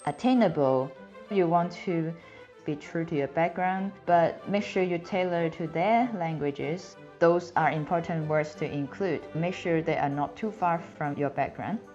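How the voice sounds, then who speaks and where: A career advice host, a Hong Kong woman in her thirties who grew up speaking Cantonese, addresses the camera at a measured pace in a low-pitched, darkish voice with a Hong Kong accent. Her tone is earnest and clearly explanatory, though her phrasing is slightly non-native. Shot mid-frame in a small, plain-backed indoor room, the audio comes across slightly dull with faint background music.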